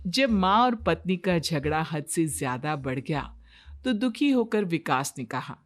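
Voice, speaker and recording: A woman's voice: low-pitched, animated, measured pace, faint music behind. A woman giving scripted narration as the storyteller of a cartoon moral tale.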